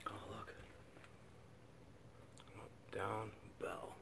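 A man exploring an abandoned mill, keeping his voice down to short hushed remarks recorded on the camera's own mic. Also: lowish voice, flat delivery, drawn-out words, gravelly. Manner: hushed, half-whispered remarks while exploring. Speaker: urban explorer host. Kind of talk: quiet walking commentary. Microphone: handheld camera without its mic. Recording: quiet camera audio with background noise.

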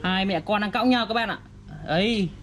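Outdoors by a garden fish pond, a vlogger for young children with a northern Vietnamese accent does a casual show-and-tell, talking in a simple, repetitive way as if to a toddler. His high voice moves at normal speed with a fairly bright tone, and there's slight background noise.

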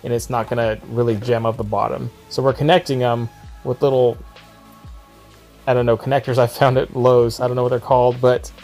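A man's voice: medium pitch, little pitch movement, fairly quick, darkish tone, soft background music. A man, a father, hosting a boat-building channel, casually explaining each step of his work in a practical, easygoing way while recording on a wearable camera outdoors. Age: adult, father of a son. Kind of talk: casual how-to narration while working. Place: outdoor driveway workshop beside a boat.

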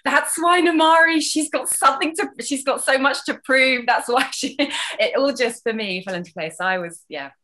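A woman voice actress gushing excitedly in a press junket answer. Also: sits high, normal speed.

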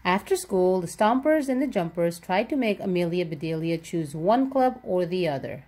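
Reading a picture book to little ones, this woman is expressive and pronounces each word with care. She has a fairly low, darkish voice with lively expression and a moderate tempo.

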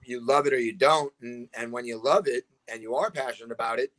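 A man's voice: medium pitch, brisk, a bit bright. A man, a guest on a video call, talking in a rambling way and often asking "you know what I mean". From Massachusetts. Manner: rambling, repeats 'you know what I mean'. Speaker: guest, combat sports promoter. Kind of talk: casual video call chat. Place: indoor room at home. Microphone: video call webcam.

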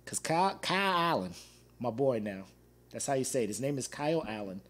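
A man hosting his own show, chatting casually and telling an animated story full of slang and laughter. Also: mid-range voice, fast talker. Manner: waves at viewers watching live. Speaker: podcast host. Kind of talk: casual solo chat.

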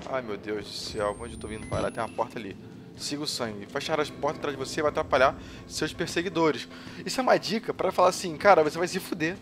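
A man's voice: a little high, fast. A man from Brazil commentating a horror game, nervous and jumpy, swearing and making nervous jokes. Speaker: gameplay streamer. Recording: game music underneath.

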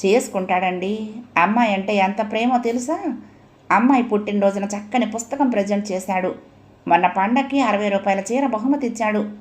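A woman's voice: mid-range voice, brisk, darkish tone, natural voice. A woman voicing a middle-aged mother who coaxes and pleads with her husband, in an audio story. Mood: pleading. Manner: coaxing, pleading.

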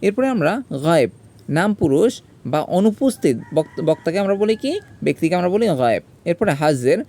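A man gives a step-by-step grammar lesson in a mellow, slightly higher voice. He spells out each letter and vowel mark slowly. He poses his own questions and answers them at once. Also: very animated. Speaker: teacher.

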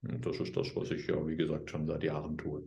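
A man speaking as an interview guest, explaining his work in a calm, earnest, unhurried way. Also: rumbling low, creaky, reverberant. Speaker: guest, healer. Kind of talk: conversational interview.

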